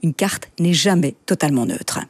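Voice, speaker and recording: A woman's voice: low-pitched, expressive, moderate pace, a little mellow, no echo. A woman giving a scripted, explanatory radio segment in a conversational way, from Belgium. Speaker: radio columnist.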